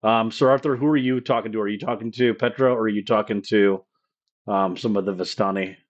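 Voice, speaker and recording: A man running a live-streamed tabletop game as game master, rambling and halting with many fillers. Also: fairly low pitch, fairly even intonation, highs cut off.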